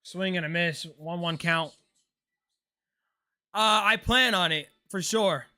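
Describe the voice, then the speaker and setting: A man in his late twenties hosts a casual live stream, reacting to a ball game while loosely chatting and answering viewer questions. His high-pitched voice is clean and unhurried, and his manner is relaxed, with the occasional "bro."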